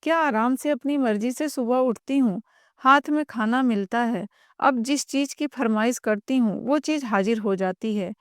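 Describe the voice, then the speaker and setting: A woman's voice: on the high side, moderate pace, clean tone, no echo, clean studio sound, lightly acted. A woman voicing a lazy, scheming young sister-in-law who talks in a mocking, shameless way. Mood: taunting.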